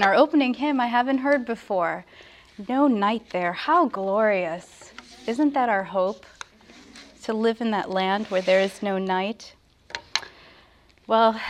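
A woman giving an earnest, reverent sermon at a pulpit microphone, with a prayer and scripture study. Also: mid-range voice. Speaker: preacher.

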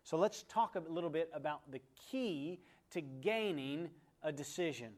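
Man, evangelist preacher, fairly high voice, emphatic, repeats for effect, teaching tone. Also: expressive, unhurried. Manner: emphatic storytelling with repetition. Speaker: evangelist pastor. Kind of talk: sermon-style teaching lesson.

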